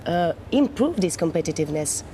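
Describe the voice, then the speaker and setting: Mellow-voiced woman asking interview questions. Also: on the low side, sing-song, a little fast, a little hiss or hum.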